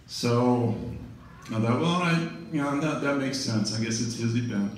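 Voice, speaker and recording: A man's voice: medium pitch, moderate pace, a little hiss or hum. A middle-aged man giving an informal memorial speech, rambling with many fillers and wry jokes. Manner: rambling, full of "you know", wry jokes. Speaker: eulogy speaker. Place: large event room. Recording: very echoey room, distant mic.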